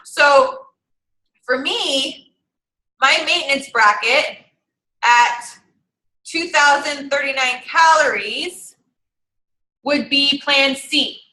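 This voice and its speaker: Young female fitness coach, high bright voice, casual encouraging talk, roomy echo. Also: drawn-out words, long pauses, slight background noise. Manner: chatty, encouraging, thinking aloud through calculations. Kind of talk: casual online group coaching.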